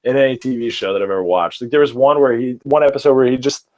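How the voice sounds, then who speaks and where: Young male podcast host in his twenties, mid-pitched, eager and rambling. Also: fast talker, a little mellow. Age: early 20s. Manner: enthusiastic, rambling, fillers and restarts. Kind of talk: casual sports chat.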